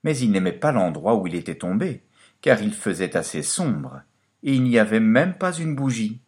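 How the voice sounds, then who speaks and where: A man narrating a fairy tale in a scripted, expressive storytelling manner. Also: fairly low pitch, moderate pace. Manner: expressive storytelling, lively and dramatic.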